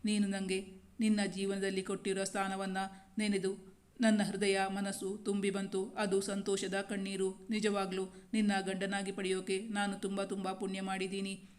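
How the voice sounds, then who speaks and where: A woman's voice: medium pitch, monotone, a little slow, few pauses, close to an everyday voice. A woman doing a shy, tearful young wife. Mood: emotional. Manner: soft, earnest.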